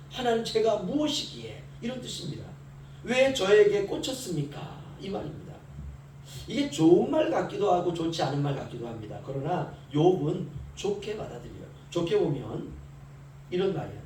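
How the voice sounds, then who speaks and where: Fairly high-pitched and a little mellow, a male pastor preaches an early-morning sermon in a church sanctuary, narrating stories and voicing both the servant and the master. It was recorded from far off in an echoey church hall with a faint hiss.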